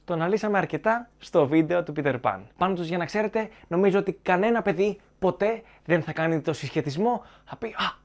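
A man's voice: high voice, few pauses. A man giving opinionated film commentary to viewers, arguing his points in a sarcastic, argumentative way.

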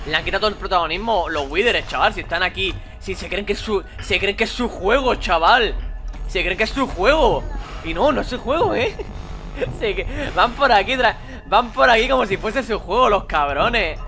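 A young man from Spain streaming a horror game, who swings from low muttering to panicked shouting. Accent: Spain Spanish. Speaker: gaming streamer. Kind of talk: live gameplay commentary.

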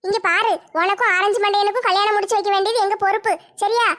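A woman's voice: very high voice, fairly even intonation, fast talker, fairly bright tone. A woman voicing a sly, scheming woman who coaxes sweetly in a comedy sketch. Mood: coaxing. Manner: coaxing, soothing.

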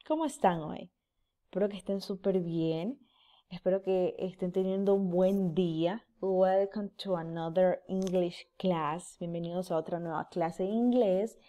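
A woman teaching a bilingual English lesson to children, slowly and patiently repeating words for pupils. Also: on the low side, mellow.

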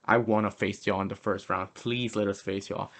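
A man's voice: lowish voice, steady tone, moderate pace, a bit bright. A young man hosting a casual football prediction show, chatty and prone to correcting himself as a fan. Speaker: host. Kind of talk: casual sports prediction talk.

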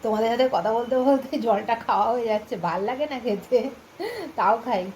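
Soft-spoken, chatty Bengali woman vlogging at home. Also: fairly high pitch, fairly quick, slight background noise, rough recording. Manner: soft-spoken, chatty, talking quietly so as not to wake the household. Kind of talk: casual home vlog chat. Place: home in the early morning.

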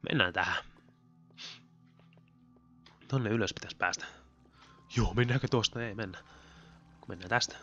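A man's voice: on the low side, long pauses, bright, forceful tone, muffled recording, soft background music. A man giving rambling, giggly commentary on his own gameplay as a Let's Play host. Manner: chatty, rambling, giggly, talks to himself while playing.

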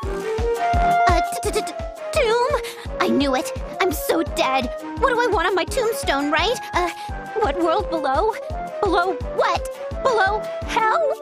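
Anime game lead: scatterbrained teen girl, squeaky-high, wildly animated, cheeky and slangy. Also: slow pace, full character voice. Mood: panicky. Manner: breezy, slangy, dramatic. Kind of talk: scripted anime game voice acting. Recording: loud music under the voice.

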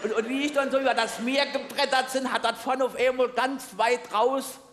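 A Saarland German man with a high voice doing a carnival stage routine. He trips and stammers comically over his opening words. The sound rings with a long hall reverb. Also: fairly even intonation, normal speed, a bit bright, slight background noise. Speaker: carnival comedian. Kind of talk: stage comedy monologue. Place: large carnival hall with audience.

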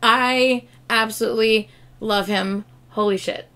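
This thirty-something woman has lost her voice and sounds hoarse, yet she gushes excitably at a measured pace, her pitch leaning high. She reacts to K-pop for her YouTube channel from an indoor room full of albums and collectibles, seen at her desk through a webcam.

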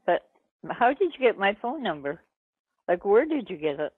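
On a narrow, tinny phone line, an older woman who is the recipient of a prank call speaks in a mid-range, husky, very animated voice at a moderate pace. The recording is dry, and in this unscripted conversation she comes across as plain-spoken, proper and questioning.

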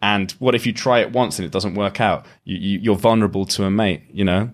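A man with a very low, deep voice. He speaks as a podcast guest, thoughtful and explanatory, circling back and restarting his sentences as he works through an idea. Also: fairly quick. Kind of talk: reflective conversational interview.

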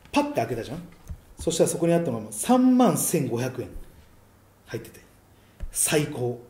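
A man's voice: medium pitch, a little mellow. A young man from a comedy duo telling a backstage story on a casual radio talk show, acting out quotes and laughing at his own jokes. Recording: roomy studio echo.

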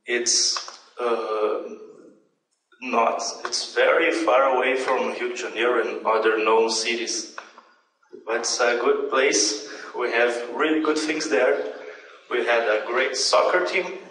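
A young presenter from Brazil, with a Brazilian Portuguese accent, struggles through an English conference talk with frequent fillers and self-corrections. His medium-pitched voice is a bit bright. The handheld mic feeds room speakers in a large dim hall with a projection screen, and a far-off camera records the echoey sound with slight background noise.

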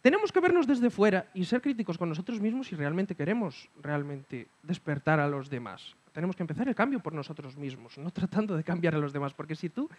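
Man, conference speaker, high voice, very animated, keeps tossing "mm?" at the room. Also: fairly quick, hardly any pauses. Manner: keeps checking in with listeners with a questioning hum. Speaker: speaker at a talk. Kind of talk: reflective conference talk.

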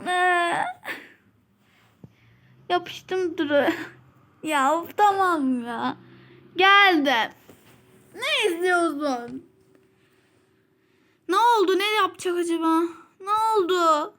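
Very high, bright, giggly female voice. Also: drawn-out words, long pauses. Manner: giggly, playful, often drops to a hushed voice. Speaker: channel host. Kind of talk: playful game-play vlog.

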